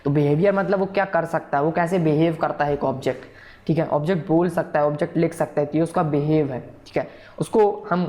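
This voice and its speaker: A man's voice: a little high, warm tone. A man teaching a programming class in a recorded tutorial, explaining patiently and checking in with listeners often. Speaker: programming instructor. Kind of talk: recorded coding tutorial lecture.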